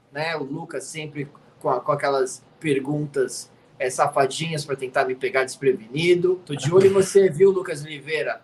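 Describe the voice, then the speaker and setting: He grew up in the United States and works as an NFL commentator, here chatting casually as a guest from home and teasing with tag questions like "né?". The voice is on the high side and fairly bright, in a rough recording with a little hiss or hum.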